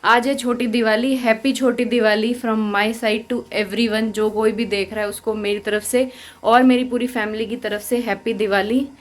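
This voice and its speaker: A woman's voice: a little high, little pitch movement, moderate pace. A young woman chatting casually in a family vlog, teasing and laughing often as she films around her home. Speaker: vlogger.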